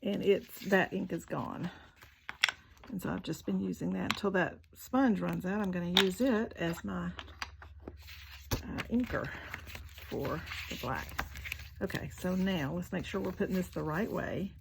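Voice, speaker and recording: A woman with a lowish, gravelly voice talks a craft project through in a relaxed, chatty way. She pokes fun at herself and mutters little asides as she works. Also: a little slow, pauses often, noisy background. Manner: chatty, self-deprecating, muttering asides while working. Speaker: craft video maker. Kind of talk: casual craft tutorial talk.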